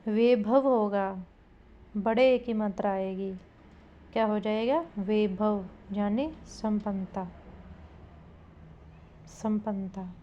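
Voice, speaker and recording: A woman's voice: fairly high pitch, warm tone, dull audio. A woman teaching Hindi spelling to exam students, repeating each word and quizzing the class. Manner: repetitive, drilling, asks students questions.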